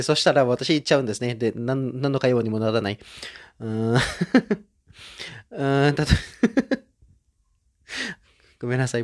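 A man who moved to Japan as a foreigner, hosting a casual solo monologue. He hesitates a lot, fills pauses with fillers, corrects himself often and laughs at himself. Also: medium pitch. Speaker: host of a talk series about Japanese.

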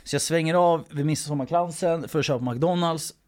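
A man's voice: on the high side, a little mellow. A man telling a long anecdote in casual podcast chat, acting out quotes and swearing casually.

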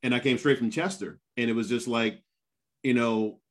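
Animated man in his fifties telling stories. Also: mid-range voice, normal speed. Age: 50s. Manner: animated, laughing often, emphatic repetition. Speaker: guest, former Marine. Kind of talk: casual conversational storytelling.

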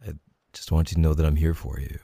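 A young man in a whispered role-play, talking softly and intimately as a reassuring boyfriend. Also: flat delivery, quick pace, no echo, studio quality. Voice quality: gravelly, husky low voice. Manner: soft, intimate, reassuring talk to the listener.

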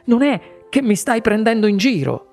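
Reader's take on a curious little boy, lifted higher, lively questioning tone. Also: normal speed, faint music behind. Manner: eager, questioning. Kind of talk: audiobook character voice.

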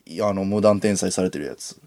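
A young man with a Kansai accent, co-hosting a late-night radio comedy show and firing off sharp retorts. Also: deep voice, creaky. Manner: sharp comic retorts and quick jabs. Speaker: radio co-host.

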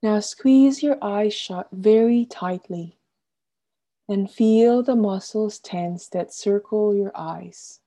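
A woman with a medium-pitched voice leads a relaxation meditation as an instructor. She speaks gently and soothingly, giving deliberate instructions and letting her phrase endings softly trail away.

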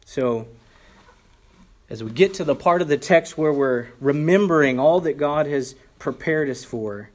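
A male pastor preaching a sermon, earnest and conversational, with emphatic rises when quoting scripture. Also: medium pitch. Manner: conversational asides to the congregation.

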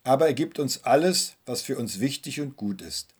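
A husky-voiced man speaking as a calm, loving mother who gently comforts her son in a sermon story. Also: mid-range voice, moderate pace. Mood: gentle. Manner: soft, soothing, sighing.

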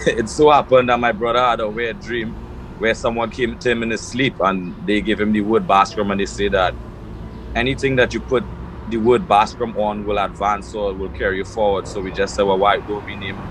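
A man from Trinidad and Tobago, answering interview questions at home in a relaxed storytelling way. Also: lowish voice, normal speed, a little hiss or hum, low-quality recording. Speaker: guest, music label founder.

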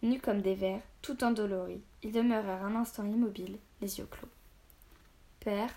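A woman narrates a children's audiobook with steady, expressive delivery. Her voice sits at a middling pitch, neither high nor low. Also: a little fast, vocal fry.

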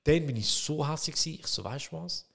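A man in his thirties with a Swiss German accent, co-hosting a podcast and telling a story in casual comedic chat, growing loud as he acts out an argument. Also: a little high, quick pace, gravelly. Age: 30s. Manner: animated, swings loud when reenacting arguments. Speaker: podcast co-host.

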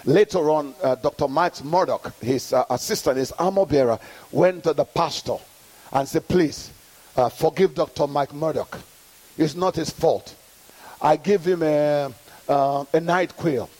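A man's voice: fairly high pitch, measured pace, darkish tone. A middle-aged man preaching a sermon to his congregation, calling out for the church to answer back and building to emphatic peaks. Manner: call-and-response preaching, rising to emphatic peaks. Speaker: pastor.

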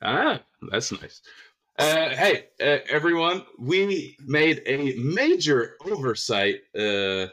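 A man hosting a casual sports podcast, chatty and quick to laugh, sometimes tripping over his words. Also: on the high side, sing-song, a bit bright, lo-fi sound. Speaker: podcast host.

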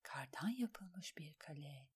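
A nervous young noblewoman, read by a woman in an audiobook, her inner thoughts murmured in a hushed, breathy whisper. Her voice sits a little low and stays soft and close. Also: animated, takes it slowly, exaggerated voice. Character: young noblewoman Alain, anxious and polite.

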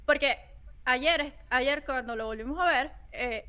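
A woman with a high voice co-hosts a casual panel chat. She talks in an animated way and acts out her own reactions as quotes. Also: a little slow, smooth. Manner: animated, laughing asides and quoted exclamations. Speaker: co-host.

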